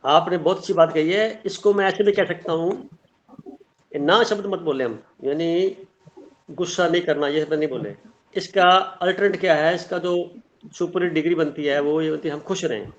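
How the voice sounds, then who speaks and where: A man's voice: a little high, moderate pace. A middle-aged man teaching a spiritual class, explaining earnestly with everyday examples and sayings. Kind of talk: online class talk. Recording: dull lo-fi sound.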